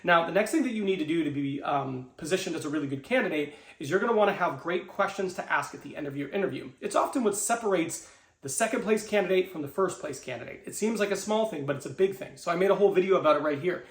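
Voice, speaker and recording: A man's voice: on the high side, lively intonation, fast, reverberant. A man talking as a career coach, giving upbeat, conversational interview advice with frequent fillers. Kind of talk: instructional talk to camera.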